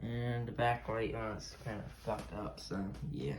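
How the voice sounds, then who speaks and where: A man with a low, unhurried voice casually shows off his weather radio collection without a script, rambling and letting sentences trail off. Radios add to the noise of this amateur recording.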